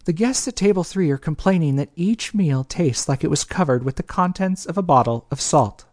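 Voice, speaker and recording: A man's voice: a little high, animated, moderate pace, darkish tone, no room sound, clean studio sound, voice pushed up. A man narrator voicing a harried young woman restaurant manager who speaks in terse, clipped commands. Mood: impatient.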